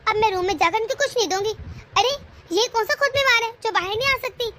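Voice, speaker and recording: A lazy, scheming younger daughter-in-law, voiced by a woman in a cartoon family drama. She grumbles and complains in a very high, bright and sharp voice. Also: fast, slight background noise. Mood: grumbling.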